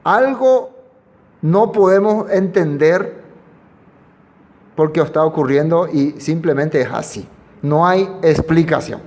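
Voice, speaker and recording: A man's voice: fairly high pitch, slow, long pauses, darkish tone, long reverb tail. A man preaching, talking in a conversational way and asking his listeners questions. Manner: conversational, asks the audience questions. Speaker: pastor. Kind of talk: expository sermon.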